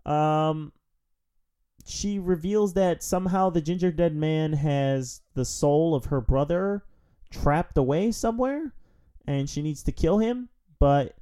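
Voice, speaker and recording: Dark-voiced man rambling through a film review. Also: a little high, clear, resonant tone. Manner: rambling, wry, with frequent fillers. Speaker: film review podcast host. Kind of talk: casual review chat.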